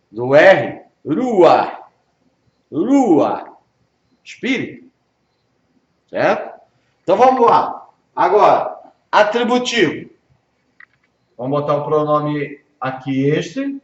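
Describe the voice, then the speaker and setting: A Brazilian man, a pastor, gives an informal Hebrew lesson, patiently repeating pronunciations and checking understanding. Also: on the high side. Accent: Brazilian Portuguese. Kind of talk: informal one-on-one language lesson. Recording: echoey room, dull lo-fi audio, faint noise.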